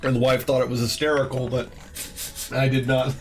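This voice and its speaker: A man's voice: medium pitch, flat delivery, fairly quick, soft background music. A man streamer in casual chat, joking and slipping into mock-stern scolding.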